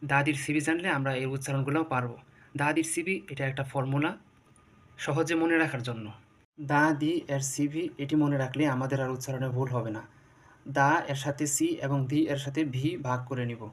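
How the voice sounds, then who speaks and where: A man's voice: mid-range voice, steady tone, a little fast. A man explaining a pronunciation rule in a patient teaching style, spelling out words and repeating examples. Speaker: English teacher. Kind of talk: explanatory lesson.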